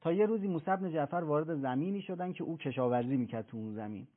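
A man's voice: on the high side, animated. Preaching man on a thin broadcast line. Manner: earnest, preaching, recounts tales with quoted voices. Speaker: religious scholar guest. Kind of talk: storytelling religious talk. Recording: thin phone-like broadcast sound.

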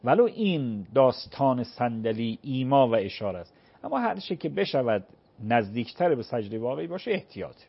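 A man answering viewers' religious questions on a call-in program, explaining patiently and slowly acting out prayer recitations. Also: mid-range voice, sing-song, gravelly, breathy edge, dull audio.

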